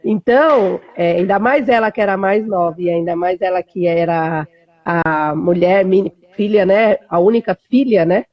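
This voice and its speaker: A woman's voice: on the low side, moderate pace, dry recording. Woman host, dull dry recording. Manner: casual and reflective, peppered with "né" and slang. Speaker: host and human development coach. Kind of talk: casual interview chat.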